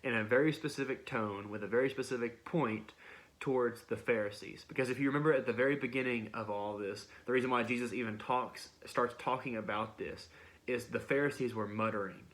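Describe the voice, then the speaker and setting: A man's voice: mid-range voice, a little fast, a bit bright. A young man preaching a casual, conversational sermon, often restarting and repeating words as he talks it through.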